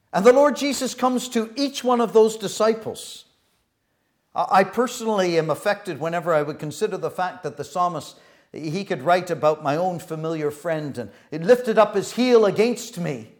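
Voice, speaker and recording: A man delivers a sermon with a slightly higher voice than most men. He talks earnestly, stumbling and restarting phrases, dropping quiet one moment and pressing hard the next. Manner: earnest, halting with frequent restarts; swings between soft reflective and loud emphatic. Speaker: preacher.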